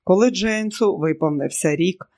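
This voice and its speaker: A man narrating an audiobook in a measured, steady way. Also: high-pitched. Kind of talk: scripted narration.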